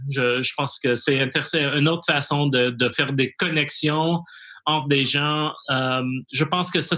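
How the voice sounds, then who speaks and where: Bright-voiced man with English-accented French. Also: mid-range voice. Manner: hesitant, searching for words, non-native grammar. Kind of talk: unscripted video talk.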